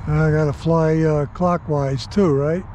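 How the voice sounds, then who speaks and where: An older man giving offhand, halting commentary outdoors while flying a model plane on a windy day. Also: a little high, steady tone, dark tone, dull audio. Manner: offhand, halting, self-deprecating. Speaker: RC hobby pilot.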